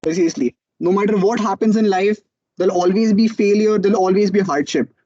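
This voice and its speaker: A young man with an Indian English accent telling his startup story as a motivational talk, animated and acting out quotes. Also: high-pitched, brisk, highs cut off. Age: young adult. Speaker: student entrepreneur speaker.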